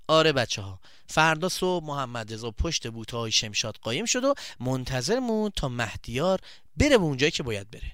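A man narrating a story for children, addressing them directly in a lively storytelling manner. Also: medium pitch, no echo, clean studio sound.

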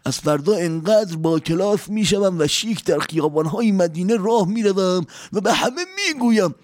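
A man's voice: expressive, a little mellow. A giddy poor old man. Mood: giddy, grateful. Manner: high squeaky voice with laughter, speaks formally.

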